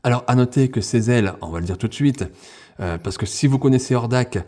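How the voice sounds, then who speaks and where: A man chats through a toy unboxing and talks to viewers as friends. His voice is mellow and relaxed, at an ordinary pitch, and he keeps pausing on fillers as he looks over each piece. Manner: hesitant, many fillers, addresses viewers as friends. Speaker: toy reviewer. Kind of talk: unboxing review, casual chat.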